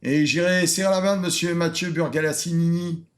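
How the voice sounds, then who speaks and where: A man hosting a casual reaction commentary, sarcastic and self-mocking, often trailing off into quiet muttered asides. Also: fairly high pitch, steady tone, brisk. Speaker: host reacting to cooking videos.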